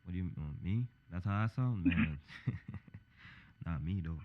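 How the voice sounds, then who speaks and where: A man's voice: deep voice, animated, a little slow, narrow, tinny audio. A man in his thirties co-hosting a podcast, talking in a laid-back, slangy way and laughing often. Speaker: podcast co-host. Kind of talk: casual chat.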